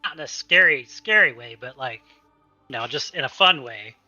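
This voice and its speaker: A man's voice: medium pitch, lively intonation, normal speed, pushed and bright, lo-fi sound, soft background music. A man playing a tabletop game, speaking his hero's lines in a theatrical way. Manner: theatrical in-character speech. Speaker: player. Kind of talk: tabletop role-play.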